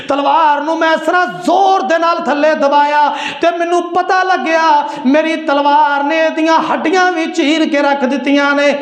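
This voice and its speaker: A man with a Punjabi accent giving a Friday sermon in a mosque, telling a story in an animated way and acting out the dialogue. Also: very high-pitched. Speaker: Friday preacher. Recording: echoey mosque hall.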